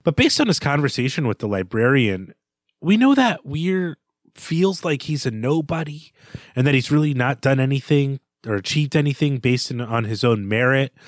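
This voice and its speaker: A man co-hosts a book podcast, chatting casually about a novel in a thoughtful, hedging way and often restarting his sentences. His medium-pitched voice is animated and moves at a normal speed. The recording is studio quality, with no echo.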